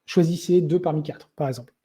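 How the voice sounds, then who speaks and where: Man, webinar presenter, very mellow dark tone, husky, lots of fillers. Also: on the high side, fast talker. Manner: hesitant, many filler sounds, conversational. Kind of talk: explanatory webinar talk.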